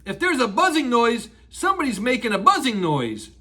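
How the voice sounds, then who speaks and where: A slow-thinking, honey-loving storybook bear played by a man, bright and very expressive. He muses ponderously and repeats himself, in the rambling manner of a grandpa's story. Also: extremely high pitch, husky, heavily acted. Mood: ponderous musing. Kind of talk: children's storybook read-aloud.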